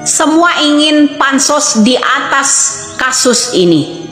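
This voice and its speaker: Insistent high-voiced woman in her fifties. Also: expressive, slow, fairly bright tone, soft background music. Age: 50s. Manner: insistent, repeats rhetorical questions. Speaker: online commentator. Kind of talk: impassioned monologue to camera. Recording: echoey reverberant room.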